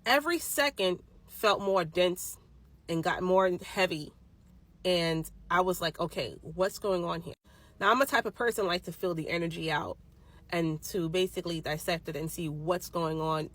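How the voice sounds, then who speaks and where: Animated woman telling a spooky story. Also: fairly low pitch. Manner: animated, swearing, rising loud when quoting others. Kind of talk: casual storytelling.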